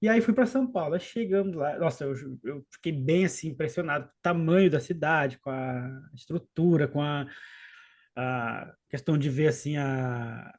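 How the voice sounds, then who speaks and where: A man in his late thirties from Rio Grande do Sul, southern Brazil, with a faint gaúcho accent and a fairly high pitch, tells a personal story as a podcast guest and co-host. His casual storytelling is unhurried and halting, with frequent restarts and asides that trail off.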